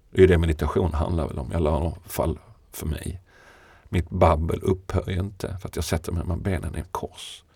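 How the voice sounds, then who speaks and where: A man with a very deep, gravelly voice talks things over in a slow, reflective conversation. His tone is husky and the sound is close and dry, with frequent laughter between musing thoughts. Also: darkish tone, dry recording. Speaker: poet, podcast guest.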